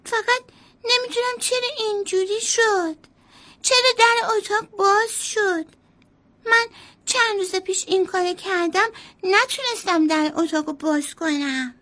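A woman voicing a curious, earnest little boy in a bedtime storybook tale, talking in quick, high, childlike chatter. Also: pushed and bright.

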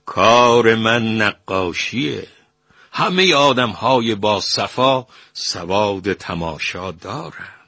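A man voicing an elderly master painter who answers quietly and with dry defiance, husky-voiced. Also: lowish voice, animated, no echo, exaggerated voice. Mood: wry. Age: older. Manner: quiet, measured, dryly defiant. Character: elderly male master painter, calm and wry.

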